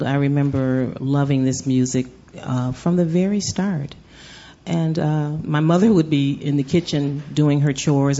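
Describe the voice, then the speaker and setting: A woman's voice: rumbling low, dark tone. Reflective woman with a slightly lo-fi sound. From Chicago, United States. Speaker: jazz vocalist, interview guest. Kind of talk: live radio interview. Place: live broadcast from a venue.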